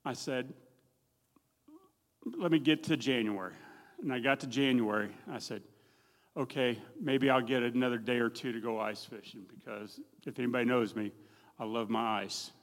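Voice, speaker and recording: A man's voice: mid-range voice, steady tone, normal speed. A middle-aged man giving a plain-spoken, folksy personal testimony in a church, telling his story with a self-deprecating edge. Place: church hall. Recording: long reverb of a church hall.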